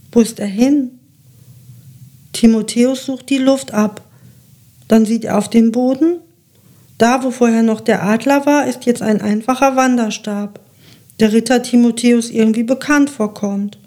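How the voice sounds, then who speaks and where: A woman narrating a children's fairy tale in a calm, measured reading voice. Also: fairly high pitch. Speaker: storyteller.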